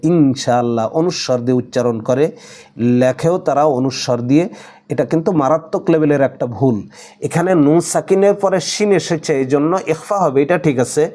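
A man with a Bangladeshi accent teaching tajweed. He explains each rule briskly, then recites the Arabic phrases slowly and drawn out. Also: fairly high pitch, mellow. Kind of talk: tajweed lesson alternating explanation and slow recitation.

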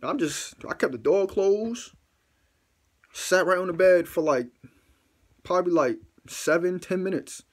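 A young man recounting a mishap at home in a loose, slang-heavy way. He swears freely and makes fun of himself. He acts out his reactions and now and then jumps up into a high squeal. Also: a little slow, pauses often. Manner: animated, acts out his own reactions with sudden loud squeals; slangy, profane, self-mocking. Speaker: vlogger telling a story. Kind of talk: casual storytime monologue.

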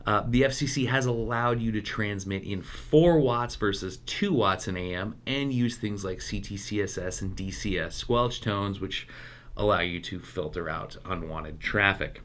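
Talking casually to camera, the host of a radio review channel reviews a product and tries it out in the field. He has a fairly bright voice on the low side and speaks at a moderate pace.

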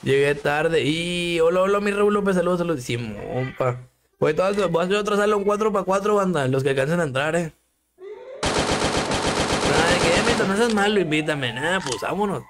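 A man's voice: a little high, normal speed. A young man with a Mexican Spanish accent, streaming a game live, joking crudely and greeting viewers by name. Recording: noisy stream audio.

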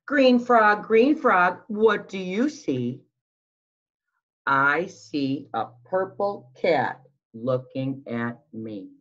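A middle-aged woman, a school behavior specialist, reads a picture book aloud to young children from a small room at home. Her fairly low voice is sing-song, full of questions and drawn-out words. The webcam microphone gives a dull, lo-fi sound.

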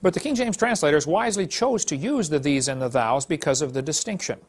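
A man's voice: a little high, fairly quick. Man explaining a point step by step. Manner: explains step by step, checks in with "okay". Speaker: Bible teacher. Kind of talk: explanatory teaching talk.

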